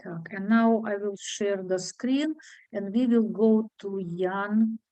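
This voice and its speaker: A woman with a foreign accent leading an online discussion group, speaking haltingly with many fillers and restarts over a video call. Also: mid-range voice, dark tone, dry recording, dull audio.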